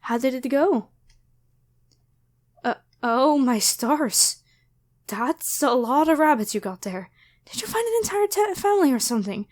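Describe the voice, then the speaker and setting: In an ASMR roleplay, a female voice actor plays a very high-pitched young woman who addresses the listener directly. Grateful and easily flustered, she rambles hesitantly, stammering and apologizing, with an expressive, measured pace, frequent pauses, and a slightly mellow tone. She sounds apologetic and caring.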